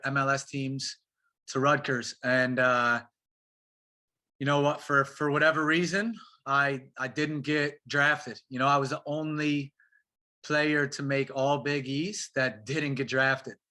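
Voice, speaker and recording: A male pro soccer player appears as a guest in a laid-back interview, talking with animated energy and plenty of slang. He keeps addressing the host as "bro" and "man," and his voice sits in the mid range.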